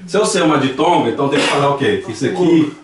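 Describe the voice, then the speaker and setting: Lively intonation and a quick pace mark this man's voice, which sits on the high side. He teaches a language class with a Brazilian Portuguese accent, patiently explaining and repeating examples aloud. It's recorded in an echoey church classroom from a distant mic.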